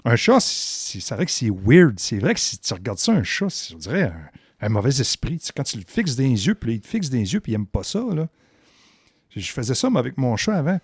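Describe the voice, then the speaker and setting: Animated Quebec French man storyteller. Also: medium pitch, a little fast, breathy edge, no room sound, clean studio sound. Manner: animated, swears casually. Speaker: podcast co-host. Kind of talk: casual storytelling chat.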